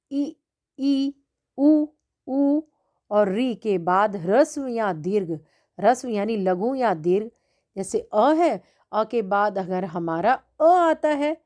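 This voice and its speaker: A woman's voice: medium pitch, a little mellow. A woman teaching a grammar lesson to children, explaining step by step and checking in often with the class. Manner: slow, drawn-out explaining with constant "है ना" checks. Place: online class recording.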